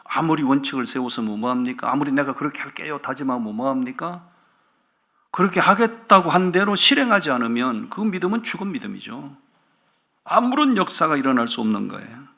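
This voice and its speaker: A male pastor preaching a sermon in a lively way, often asking the congregation questions. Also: mid-range voice, creaky. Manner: animated, asks the congregation rhetorical questions.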